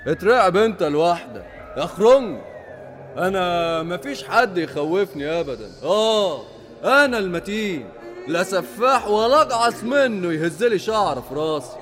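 A man's voice: sits high, lively intonation, moderate pace, a bit bright, faint music behind. An Egyptian-accented actor voicing a menacing, boastful male thug alter ego. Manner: gruff, threatening, swaggering.

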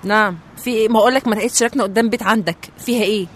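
A woman's voice: mid-range voice, very fast, a little hiss or hum. A woman with an Egyptian accent, teasing and sassy in comedic sketch banter.

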